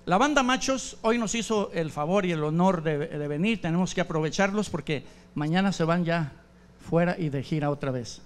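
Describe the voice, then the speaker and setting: A man's voice: on the high side, lively intonation, moderate pace, smooth. A man hosting a talk show, chatting loosely and teasing his guests on stage. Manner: joking, teasing, loose and crude. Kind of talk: casual on-stage banter. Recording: echoey hall, voice from far off.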